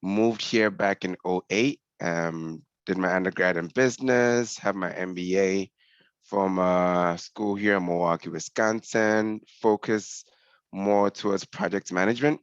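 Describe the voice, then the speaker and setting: A senior scrum master from Ghana gives a webinar presentation over a headset on a video call, explaining things in a conversational way. His deep voice is unhurried and clean, with no echo, though the call audio comes through dull and lo-fi.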